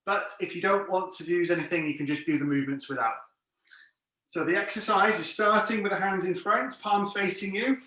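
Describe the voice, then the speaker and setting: Male exercise instructor, higher-pitched, encouraging and clear with cues and counts, heard from a distance in a heavily echoing room. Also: fairly quick, pushed and bright. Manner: encouraging, plain step-by-step cueing. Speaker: fitness class instructor. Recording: very echoey room, distant mic.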